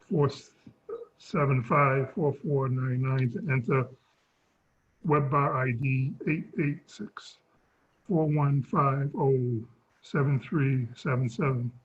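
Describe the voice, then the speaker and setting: The hoarse chair of a town sewer commission, losing his voice, reads a meeting script haltingly and stumbles over its wording while chairing. His mid-range voice keeps a steady tone, and the remote video-call audio is muffled, dull and lo-fi.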